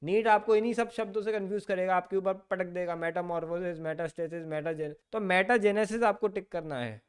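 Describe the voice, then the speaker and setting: A male biology teacher giving an exam-prep lecture, asking questions and answering them himself, reading textbook lines slowly and then explaining quickly and playfully. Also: high voice, fairly even intonation, clear, resonant tone. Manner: asks questions and answers them himself, mixing Hindi with English terms.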